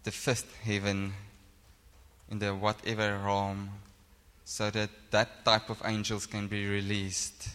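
A man's voice: on the low side, monotone, takes it slowly, fairly bright tone, clear, resonant tone. A man with a Namibian accent and Afrikaans as his first language, preaching an informal sermon in a plain-spoken, self-deprecating, conversational way. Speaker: pastor. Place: large indoor church hall. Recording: echoey hall with long reverb.

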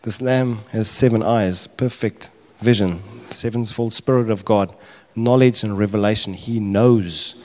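A man's voice: fairly low pitch, unhurried, a little mellow. A man preaching a sermon with passion, building to emphatic cries as he retells the scene. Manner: passionate preaching, rising to emphatic cries when voicing prayers. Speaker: pastor. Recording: long reverb of a large hall.

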